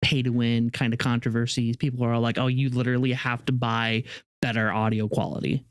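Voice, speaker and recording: A young man rambles through gaming news in casual podcast chat, stacking fillers and restarts. His voice is smooth and clear, and it sits dry and close to the mic. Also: mid-range voice, brisk, dry recording. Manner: rambling, animated, many fillers. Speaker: podcast co-host.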